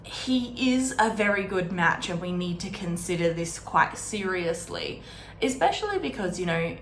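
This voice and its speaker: A woman on the low side vocally, very animated and speaking at a normal speed, hosts a book readalong discussion. Chatty, wry, and given to asides, she sits at an indoor desk while a camera on or near it records roomy echo and background room noise.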